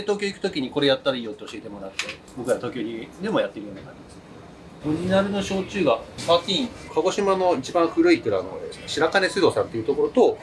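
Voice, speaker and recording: A man from Kagoshima runs a small izakaya and talks the camera through his menu, with eager explanations, a quick pace and a voice that rises and falls a lot. Fillers come often. Clear restaurant noise sits behind him. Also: mid-range voice. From Kagoshima, Japan. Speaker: restaurant owner. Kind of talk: explaining dishes and drinks to a camera crew. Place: busy small izakaya, indoors.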